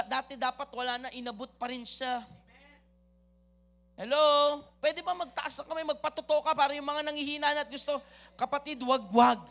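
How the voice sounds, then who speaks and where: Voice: high voice, fairly bright tone. Preacher questioning the congregation. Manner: mixes English into talk, asks the congregation questions. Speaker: pastor. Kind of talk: sermon. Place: church.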